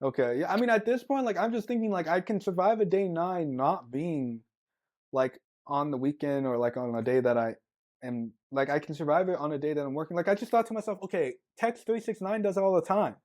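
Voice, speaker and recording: A man's voice: fairly high pitch, expressive, fairly quick, darkish tone. A man co-hosting a podcast in casual chat, rambling and packing his talk with "like" as he thinks aloud. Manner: rambling, filler-heavy, lots of "like". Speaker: podcast co-host.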